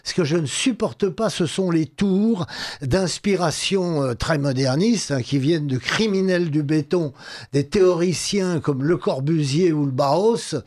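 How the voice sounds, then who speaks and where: Higher-pitched man with a Parisian French accent. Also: unhurried, darkish tone. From Paris, France. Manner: blunt, colloquial, polemical. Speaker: radio guest, writer and programme host. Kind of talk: opinionated radio conversation.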